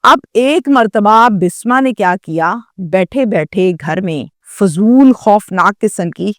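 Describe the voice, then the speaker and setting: A woman's voice: medium pitch, lively intonation, dry recording, studio quality. A woman narrating a true story in the first person, dramatic and acting out the quoted dialogue.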